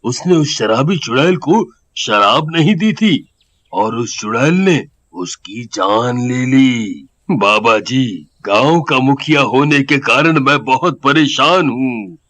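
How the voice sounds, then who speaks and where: A man's voice: mid-range voice, expressive, slow pace, fairly bright tone. A worried village headman. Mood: pleading worry. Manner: anxious, pleading.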